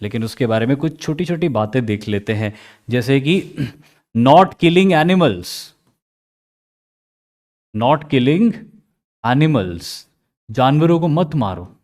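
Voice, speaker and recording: A man with an Indian accent giving a lively recorded history lecture, asking questions and acting out students' answers. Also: medium pitch, a little slow. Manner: lively, asks questions and acts out students' replies. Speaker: history teacher.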